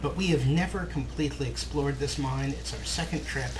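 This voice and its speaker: A let's play host with a mid-range voice talks a little fast, offering casual, wryly musing commentary while playing a video game. Game sound effects come through clearly in the background.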